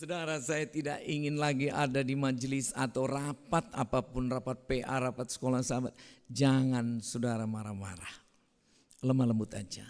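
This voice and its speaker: A man preaching a sermon, with a big voice that drops to hushed prayer. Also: medium pitch, level tone, normal speed. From North Sumatra. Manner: loud voice, swings from hushed prayer to fervent exhortation. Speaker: evangelist preacher. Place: church hall. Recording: reverberant church hall.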